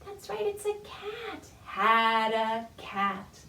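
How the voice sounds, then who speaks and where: A woman with a slightly high, pushed and bright voice is very animated, drawing out her words as she leads a children's storytime. She keeps it playful, encouraging and sing-song, with simple phrasing for babies and their parents. A distant microphone records this virtual session in an echoey indoor room.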